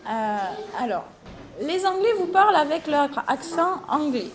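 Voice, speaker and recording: High-voiced woman teacher explaining to kids. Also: lively intonation. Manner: patient, simple explanations with pauses. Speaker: teacher running video calls with English pupils. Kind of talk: explaining to schoolchildren in an interview. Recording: noisy classroom with crowd chatter. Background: children chattering.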